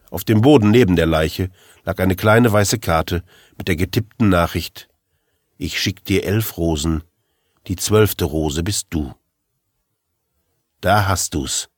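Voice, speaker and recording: A man with a very low voice reads a first-person crime story aloud. His delivery is dry and wry, like a deadpan storyteller. The recording is close and dry, with no room sound. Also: no room sound. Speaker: narrator. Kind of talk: scripted audiobook narration.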